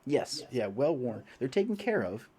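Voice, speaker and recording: A man's voice: mid-range voice, sing-song, normal speed, mellow, husky. A young man narrating as game master, rambling with many fillers.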